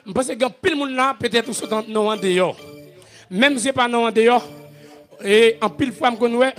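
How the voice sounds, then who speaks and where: Man, haitian accent, pastor, sermon, shouting and chanting, very high voice, loud music behind. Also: moderate pace. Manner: shouting, chanting preacher with sung calls.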